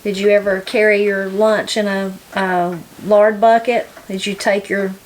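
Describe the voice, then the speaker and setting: A woman's voice: mid-range voice, little pitch movement, unhurried, low-quality recording. Female interviewer, Southern Appalachian accent, mid-range voice, informal questions, light background noise. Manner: informal, attentive backchannelling. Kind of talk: casual interview.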